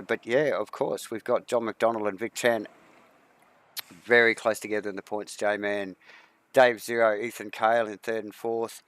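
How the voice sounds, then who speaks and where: A man hosting a sim racing broadcast, chatting casually and reading through long lists of standings. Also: medium pitch. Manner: rambling, reads long lists of names. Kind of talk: casual commentary chat.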